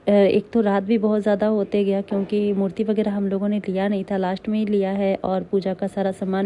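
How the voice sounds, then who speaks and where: A young woman vlogger, slightly hoarse, chatting in a tired, rambling way as she narrates her day. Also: mid-range voice, dark tone, a little hiss or hum. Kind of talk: casual voice-over narration.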